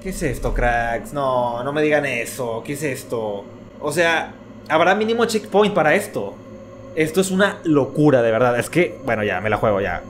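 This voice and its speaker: A man's voice: mid-range voice, animated, moderate pace, slight background noise. A young man giving jumpy, panicky let's-play commentary to his viewers. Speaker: gaming YouTuber. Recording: music playing behind.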